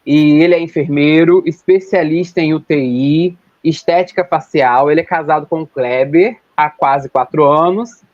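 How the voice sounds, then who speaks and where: Brief: young Rio de man hosting a podcast, rambling, a bit high, dull dry audio. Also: moderate pace, hardly any pauses, darkish tone, dry recording. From Rio de Janeiro state, Brazil. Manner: chatty, rambling, with self-corrections and long lists. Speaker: podcast host. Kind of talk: casual podcast chat.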